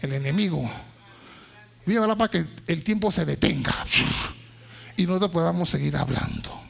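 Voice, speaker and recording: A male pastor preaching a sermon, telling a personal story that climbs into shouted praise. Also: fairly high pitch, moderate pace, creaky. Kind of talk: sermon with testimony.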